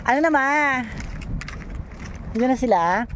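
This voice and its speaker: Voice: sits high, expressive, takes it slowly, fairly bright tone, a little hiss or hum. A vlogger with a Filipino accent, chatting through a casual travel vlog, playful and exclaiming, often out of breath.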